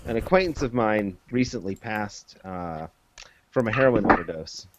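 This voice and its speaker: A man's voice: on the low side, animated, normal speed, heavy background noise. A man in casual chat, talking at length with many fillers and laying out his reasoning step by step. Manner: rambling, many fillers, lays out arguments step by step.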